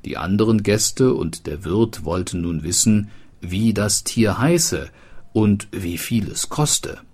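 Slow, low-voiced male storyteller. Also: breathy edge. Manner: slow, expressive read-aloud narration. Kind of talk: storybook reading aloud.

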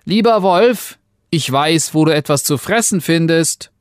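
A man voicing a tiny, plucky boy hero who calls out loudly in a high voice. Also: animated, unhurried, no room sound, studio quality. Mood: coaxing. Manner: high, loud, pleading calls.

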